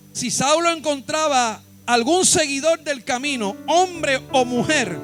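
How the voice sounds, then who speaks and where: A man's voice: very high-pitched, a bit bright. A Puerto Rican pastor preaching a sermon in church, emphatic, repeating his points and calling on the congregation to respond. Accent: Puerto Rican Spanish.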